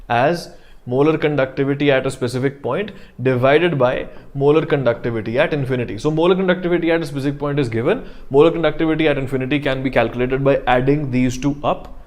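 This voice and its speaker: A man's voice: on the high side, a little mellow. Young North Indian-accented man teaching class. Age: young adult. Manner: encouraging, informal, addressing students directly. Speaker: online chemistry teacher. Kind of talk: conversational lecture to students, mixing English and Hindi. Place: indoor studio in front of a digital board.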